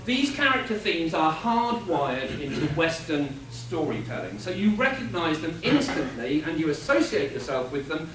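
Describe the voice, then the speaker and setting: A man giving an animated, explanatory panel talk at a convention, chuckling now and then. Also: on the high side, moderate pace, hardly any pauses, a little hiss or hum. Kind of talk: lecture-style panel talk. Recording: echoey room from a distance.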